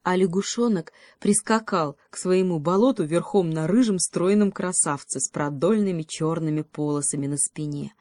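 A woman reads fairy tales aloud in a gentle, unhurried way. Her voice sits low and warm, and the recording is dry and close. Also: dry recording. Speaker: audiobook narrator. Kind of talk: fairy tale reading.

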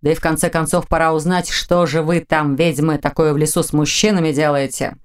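A woman voicing a male dark mage in dragon form, speaking low, growly and commanding. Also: little pitch movement, brisk, clean tone, lightly acted. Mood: calm commanding. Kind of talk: audiobook character voicing.

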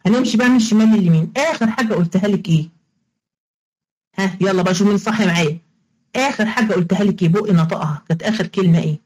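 A fast-talking woman with an Egyptian Arabic accent teaches an online class. She is playful and coaxing, and she walks through each step again and again. She keeps quizzing her students as she goes. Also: mid-range voice, darkish tone, rough recording. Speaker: religious studies teacher. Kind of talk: online lesson explanation.

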